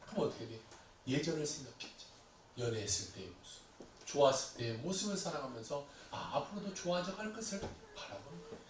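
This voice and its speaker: A man preaching a Sunday sermon as pastor, animated and acting out prayers and everyday complaints. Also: fairly high pitch, fast. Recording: echoey hall, distant mic, faint noise.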